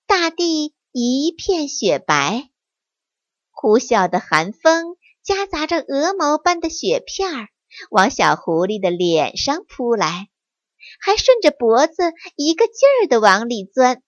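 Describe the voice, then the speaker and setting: A woman tells a bedtime story slowly and softly, her fairly high voice rising and falling in a lively storyteller's lilt. The recording is close and dry, with a dull, lo-fi sound. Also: no echo. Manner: gentle, slow, sing-song storytelling.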